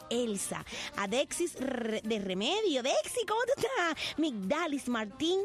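A woman with a Cuban accent hosting an informal call-in show, talking in a colloquial, exclamatory way. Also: fairly high pitch. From Cuba. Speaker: talk show host.

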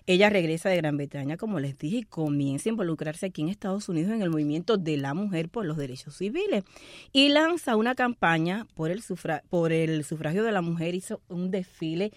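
A woman from Cuba, telling a history story in a lively, conversational talk-show way, often turning to the listeners with asides. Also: fairly low pitch, a little fast, no room sound, clean studio sound.

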